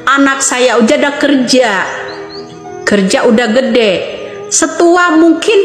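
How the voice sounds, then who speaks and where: A high-pitched woman in her fifties hammers home her point, firing the same rhetorical questions again and again. Her voice rings through a reverberant, echoey room with long reverb. Faint music sits underneath. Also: slow pace. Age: 50s. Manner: insistent, repeats rhetorical questions. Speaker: online commentator. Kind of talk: impassioned monologue to camera.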